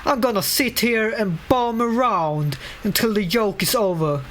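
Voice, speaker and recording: A man's voice: sits high, measured pace, fairly bright tone, pitched above the performer's own voice. A man putting on the voice of a grumpy working-class male painter who complains that his crew has gone missing. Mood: indignant. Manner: indignant read-aloud complaint in a put-on voice.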